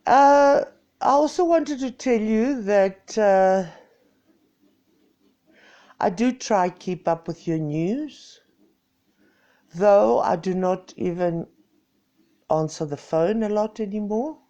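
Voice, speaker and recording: Warm in tone and medium in pitch, her voice moves slowly with long pauses, and the recording has its highs cut off. She is a vlogger in her sixties with a Greek South African accent, casually chatting on a home live stream and teasing herself playfully.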